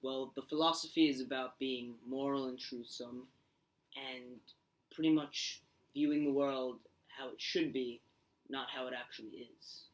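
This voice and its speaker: A young man playing an earnest old male philosopher in an amateur school skit, talking haltingly with many ums while reciting his lines. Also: mid-range voice, steady tone, close to an everyday voice, rough recording.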